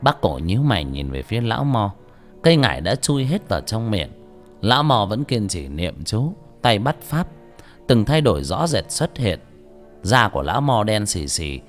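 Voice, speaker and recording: Cast: male storyteller with a low voice, very lively intonation, faint music behind. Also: normal speed. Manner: expressive, dramatic. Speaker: audiobook narrator. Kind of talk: dramatic story narration.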